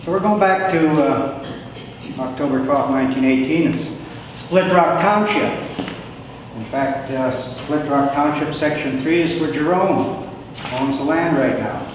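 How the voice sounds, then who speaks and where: An older man giving a prepared talk of family history to an audience, in a plain, measured storytelling way with pauses. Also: a little high. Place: large echoing indoor hall. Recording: very echoey hall, distant mic, background noise.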